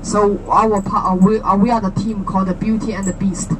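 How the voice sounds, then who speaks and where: On a city street walking tour, a woman in her thirties from China talks fairly quickly in a medium-pitched voice with little pitch movement and a Chinese accent. She's chatty, asks listeners questions, and jokes; the audio is poor, with street traffic noise.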